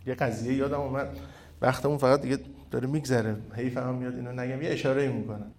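A male preacher giving a sermon through a microphone, building to loud, fervent peaks and then dropping to a quiet storytelling tone. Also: mid-range voice, fairly even intonation. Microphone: microphone with echo effect. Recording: echoey hall sound.

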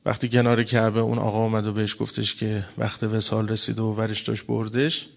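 A man's voice: on the low side, completely flat delivery, gravelly. A man giving a religious sermon, telling a story and acting out its dialogue with emphatic bursts. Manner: acts out quoted dialogue, rising to emphatic bursts. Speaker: preacher.

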